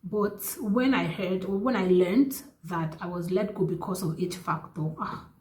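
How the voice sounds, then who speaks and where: Earnest Nigerian woman telling her story. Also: a little slow. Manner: earnest and animated, with many restarts and pitch jumps for emphasis. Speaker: vlogger. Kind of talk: casual storytelling. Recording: echoey room.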